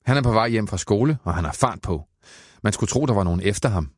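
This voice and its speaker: A man narrating a children's audiobook in a playful, expressive way. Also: on the low side, dry recording, studio quality.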